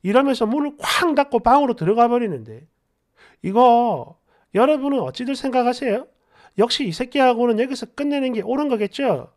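A woman's voice: fairly high pitch, lively intonation, a little fast, a little mellow. A woman reading a story aloud in an indignant, confiding way. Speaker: story narrator.

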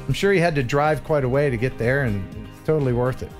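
A man's voice: medium pitch, fast, music in the background. A man hosting a show, chatting casually and jokily about viewer drone footage. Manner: lively, laughs often, jokey asides. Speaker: show host.

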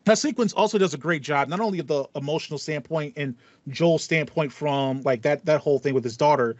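A podcast co-host in his thirties talks briskly in a slightly high voice, casually discussing video games, rambling enthusiastically and repeating phrases. He's on a video call with a headset in a small acoustic-foam room, so the sound is slightly muffled and free of room sound.

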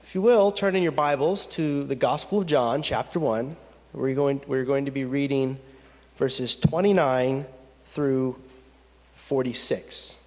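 A man in his thirties, a pastor, leading a pastoral prayer and reading scripture from the pulpit in slow, measured phrases with long pauses. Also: mid-range voice, darkish tone. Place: church sanctuary at a pulpit. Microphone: pulpit gooseneck microphone. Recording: long reverb of a church sanctuary.

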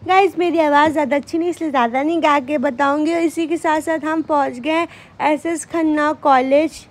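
Young female vlogger, bright high voice, casual chatty narration. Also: fairly even intonation, brisk. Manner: chatty, addresses viewers as guys.

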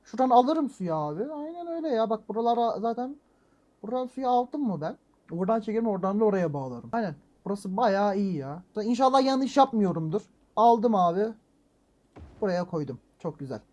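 Brief: male let's-play host, high voice, excitable, talks to himself, mild swearing. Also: a little fast. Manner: swings between calm muttering and loud frustrated outbursts. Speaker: gaming channel host. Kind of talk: let's-play gameplay commentary.

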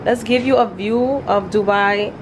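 A travel vlogger co-host gives viewers a chatty tour of a hotel suite and its balcony, calling them "y'all." Her mid-range voice is unhurried, and the room ambience is noisy.

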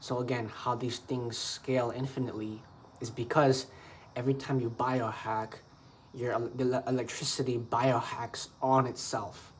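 A man's voice: medium pitch, level tone, normal speed. Man vlogging, earnest, repetitive, rambling to camera, faint background hum. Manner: earnest, repetitive, loose improvised phrasing. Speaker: beatbox vlogger.

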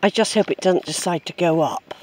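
Recorded on a handheld camera's built-in microphone, a rough recording with some hiss or hum, a vlogger walks a woodland track musing aloud. His rambling casual commentary comes in a medium-pitched voice at a slightly fast pace.

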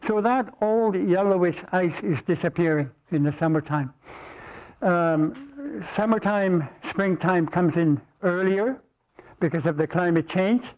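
Older inuit guy w/ inuit accent, kinda high voice, giving a talk, halting and careful, lots of pauses. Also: a little mellow, rough recording. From Naujaat (Repulse Bay), Canadian Arctic. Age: 70s. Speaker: guest speaker, Inuit elder. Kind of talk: informal public lecture. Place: university lecture room, indoors, before an audience.

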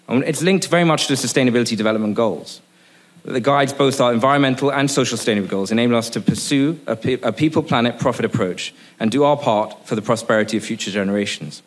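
A man from Sri Lanka in his forties giving a conference speech at a lectern microphone, earnest, with many restarts and fillers. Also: mid-range voice. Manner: gestures at a lectern. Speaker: business executive speaking at a panel. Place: conference room, indoors.

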